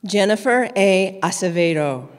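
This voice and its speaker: A woman announcing graduates at a ceremony, reading each name slowly and carefully. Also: mid-range voice, lively intonation. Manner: slow, careful, evenly paced name reading. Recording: long hall reverb.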